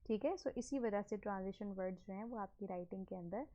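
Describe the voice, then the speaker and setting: A woman's voice: medium pitch, fairly quick, dark tone, lo-fi sound. A woman, teaching from slides, mixing English phrases into Urdu and asking and answering her own questions. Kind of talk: explaining a slide lesson.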